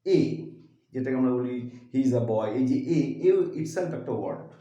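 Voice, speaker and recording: A man with a Bengali accent teaching English grammar in a slow, halting way, slowing further when he reads English definitions. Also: medium pitch, animated, warm tone, dull audio. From India. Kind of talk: lesson. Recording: echoey room.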